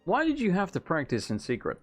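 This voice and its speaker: A man's voice: high-pitched, huge pitch swings, brisk, faint music behind. A man doing casual let's play commentary in a joking, irreverent way, with muttered asides.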